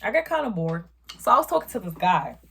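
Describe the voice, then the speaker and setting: A woman's voice: mid-range voice, sing-song, fast, vocal fry, pushed and bright, slight background noise. A young woman, telling a profane, emphatic story in casual chat as she eats. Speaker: vlogger. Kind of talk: casual storytime while eating.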